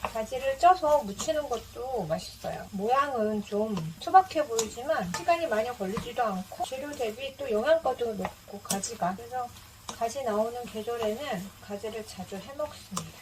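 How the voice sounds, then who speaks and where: A rather high-pitched woman hosts a casual home cooking video. She explains each step in an easygoing way. There is clear kitchen noise behind her, with clicks and chopping. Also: animated, normal speed. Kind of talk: casual cooking narration while cooking.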